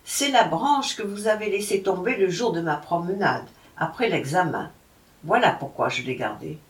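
A woman's voice: fairly low pitch, expressive, moderate pace, natural voice. A woman reading aloud, voicing an earnest, lovesick young scholar who pleads. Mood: pleading. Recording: roomy, from a distance.

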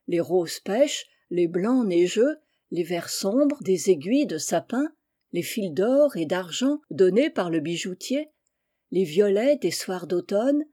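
Woman narrator, storybook reading, mellow dark tone, expressive. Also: medium pitch, dry recording, studio quality. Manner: expressive, voicing many villagers. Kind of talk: read-aloud storybook narration.

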